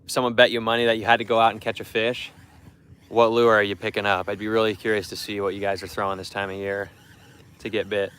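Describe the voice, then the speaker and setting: A man's voice: fairly low pitch, flat delivery, fast, fairly bright tone, clear, resonant tone. A young man chatting casually to his live stream viewers while fishing from a boat on a lake, rambling and repeating himself. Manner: rambling, repeats words, talks to chat.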